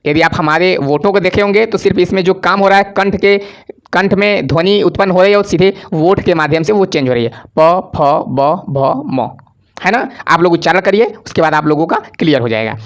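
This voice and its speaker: High-voiced male teacher quizzing his class. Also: fairly quick. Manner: asks and answers his own questions, has students repeat sounds. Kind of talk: exam prep grammar lesson.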